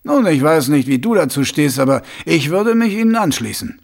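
A man's voice: fairly high pitch, very animated, normal speed, vocal fry, pitched above the performer's own voice, exaggerated voice. A man voicing a grim, hard-bitten male sergeant who gives short commands. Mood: gruff. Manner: curt, commanding.

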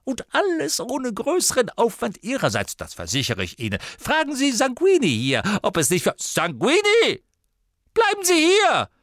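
Pushy flattering author, high and animated, voiced by a male reader, dry booth sound. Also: moderate pace, hardly any pauses, dry recording, exaggerated voice. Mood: eager. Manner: eager, salesmanlike, wheedling. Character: pushy, fawning male author, middle-aged.

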